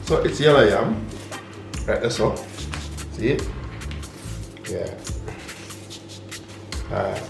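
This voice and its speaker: A man with a Jamaican accent hosting a relaxed cooking video, talking the viewer through each step and slipping into patois phrases. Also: lowish voice, slow, gravelly, pauses often. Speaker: home cook and vlog host. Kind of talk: casual cooking demonstration. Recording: echoey kitchen with background music.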